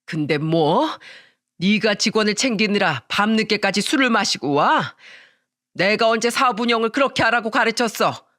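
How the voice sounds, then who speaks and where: A narrator voicing an angry older father-in-law who scolds his son, sternly and loudly. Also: mid-range voice, animated, moderate pace, no echo, studio quality. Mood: stern scolding.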